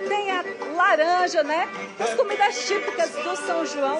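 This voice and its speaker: A woman TV field reporter, chatting lively on air from an outdoor event. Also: very high voice. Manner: lively, chatty, addresses anchor often. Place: outdoor community restaurant with live forró band. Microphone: handheld TV mic, masked. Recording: loud forró music and crowd behind.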